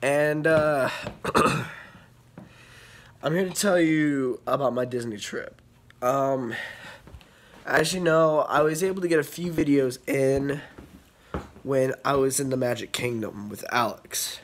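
Young male vlogger, unwell, slow, rambling casual delivery. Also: mid-range voice. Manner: rambling, filler-heavy, coughs and clears throat. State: feeling unwell. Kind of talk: casual vlog chat. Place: outdoors in heavy rain, then indoors.

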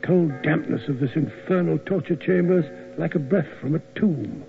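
An actor playing a grumbling, loyal English doctor with a British accent and blustery manner in a radio drama. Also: male voice, on the high side, moderate pace, vocal fry, soft background music. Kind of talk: old-time radio acting. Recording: tinny old radio recording.

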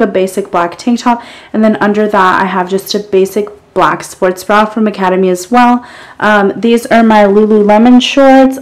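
A young woman, talking casually to camera in a lifestyle vlog, chatty and upbeat, with many fillers. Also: mid-range voice. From Texas. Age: young adult. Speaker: vlogger. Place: parked car, then small bedroom doorway.

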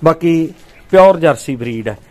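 A man's voice: on the high side, expressive, moderate pace, mellow. A man hosting a dairy farming video, walking viewers around a cow for sale in a friendly, casual way. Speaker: dairy farming vlog host. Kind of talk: casual livestock sale walkthrough. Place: outdoors on a farm.

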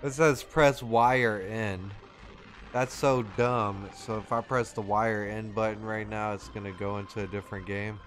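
A man's voice: lowish voice, steady tone, normal speed, a bit bright, slight background noise. A man from Arkansas streaming a video game, laid-back, laughing often and swearing casually. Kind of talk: casual gaming chat.

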